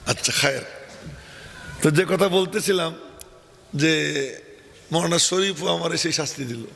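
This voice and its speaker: A man's voice: fairly high pitch, moderate pace, creaky, a bit bright. An older man, preaching an open-air sermon to a crowd, chatty and teasing with asides. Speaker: preacher at a religious gathering. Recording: long hall echo, faint ambient noise.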